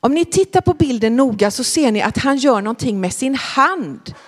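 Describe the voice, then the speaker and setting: Animated woman telling a children's Bible story. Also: high voice, big-room sound. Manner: animated, questioning the listeners.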